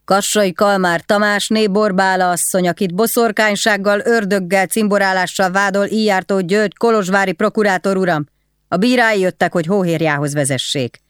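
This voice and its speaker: A woman reader voicing a prison guard who formally announces a charge in a loud, raised voice. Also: medium pitch, fairly even intonation, smooth, no room sound, clean studio sound, pitched above the performer's own voice, close to an everyday voice. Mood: commanding.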